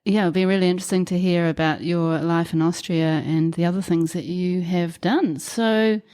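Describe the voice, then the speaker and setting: A woman hosting a podcast interview in a guest's apartment, warm and encouraging, with affirming responses. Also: lowish voice, steady tone, normal speed, clear, resonant tone. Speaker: podcast host. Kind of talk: scripted intro then conversational interview.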